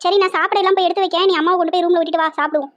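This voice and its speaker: Squeaky bratty little sister. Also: female voice, fairly even intonation, rapid-fire, dry recording, highs cut off. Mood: cheery. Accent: Tirunelveli Tamil.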